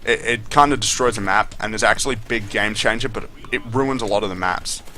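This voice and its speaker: A man's voice: on the low side, fast, bright, forceful tone, slight background noise. A man doing casual gameplay commentary, complaining and swearing in a disgruntled way. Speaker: gaming commentator.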